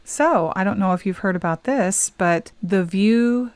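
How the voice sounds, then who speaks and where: A woman's voice: mid-range voice, unhurried, a little mellow. A woman co-hosting a casual talk podcast, reading out entertainment news with chatty asides. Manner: reads news items aloud, chatty asides. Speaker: podcast co-host.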